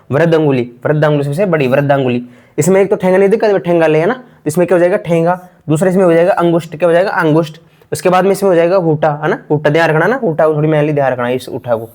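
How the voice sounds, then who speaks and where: A man's voice: a little high, a little mellow. A man teaching a grammar lesson for exam preparation, casual and repetitive, keeps asking and answering his own questions. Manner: repetitive, quizzing himself aloud; casual, addresses students as bhai.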